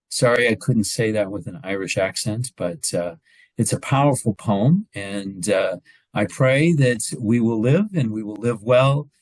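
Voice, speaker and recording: A man's voice: medium pitch, darkish tone, no echo, rough recording. A man, a pastoral relations minister, reading a poem aloud and leading a short prayer on a video call, hesitant with many ums between phrases.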